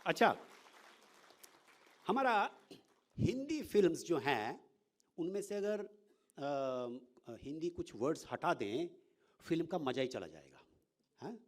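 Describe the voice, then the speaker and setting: A male professor giving an informal lecture, animated and often checking in with rhetorical questions, mixing English words into his speech. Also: fairly high pitch, slow, pauses often.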